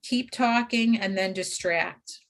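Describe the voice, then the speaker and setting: A woman's voice: mid-range voice, slow. A woman teaching caregivers in a training webinar, steadily listing do's and don'ts.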